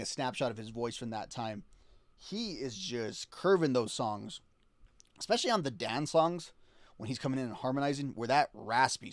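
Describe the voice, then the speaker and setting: Male podcast host, casual music talk, chatty and lively, dry close-miked sound. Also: mid-range voice, dry recording. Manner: chatty, swings between excited and quiet asides.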